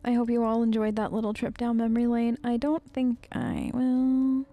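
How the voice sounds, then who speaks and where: A woman's voice: fairly high pitch, level tone, moderate pace, mellow. A woman hosting a gaming video, chatting casually and playfully and talking back to game characters. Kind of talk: casual gameplay commentary.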